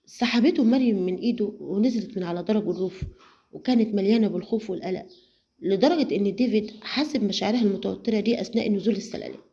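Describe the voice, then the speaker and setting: Woman narrator, Egyptian Arabic accent, rapid delivery, dark mellow tone. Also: mid-range voice, gravelly. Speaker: storyteller. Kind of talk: scripted story narration. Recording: slightly muffled lo-fi audio.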